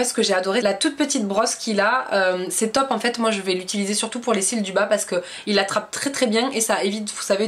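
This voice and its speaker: A young woman with a French accent chatting to camera about her beauty shopping haul, enthusiastic and full of fillers. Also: mid-range voice. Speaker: beauty vlogger. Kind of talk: casual haul chat to camera.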